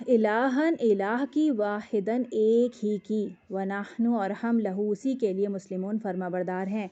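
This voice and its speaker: A woman's voice: medium pitch, dark tone, highs cut off. A woman, teaching a word-by-word translation lesson, patiently explaining each word and checking that her students follow.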